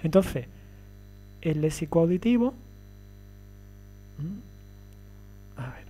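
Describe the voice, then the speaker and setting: A man's voice: a little high, sing-song, extremely slow, warm tone. A man giving a recorded lecture, explaining step by step and often checking that listeners follow.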